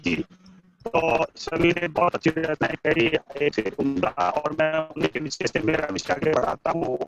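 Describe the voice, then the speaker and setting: A man's voice: on the high side, steady tone, unhurried, vocal fry, soft background music. A man reciting as a poet at an online gathering. He checks politely whether he can be heard, and his voice keeps cutting out over a bad call connection on his earphone headset. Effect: voice breaking up over a bad call connection. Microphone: earphone headset on a video call. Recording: dull lo-fi call audio.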